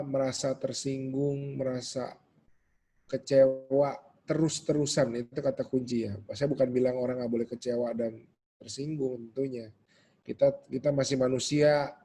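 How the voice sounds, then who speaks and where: A man giving a casual webinar talk over a video call, animated and acting out quoted voices. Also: mid-range voice. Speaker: webinar guest speaker.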